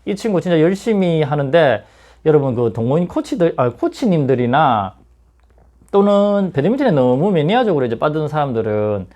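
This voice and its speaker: A middle-aged man with a Gyeongsang Korean accent, a badminton shop owner candidly telling viewers his story in an emotional, animated way. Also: a little high, normal speed. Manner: animated, emotional, swings between loud and quiet asides.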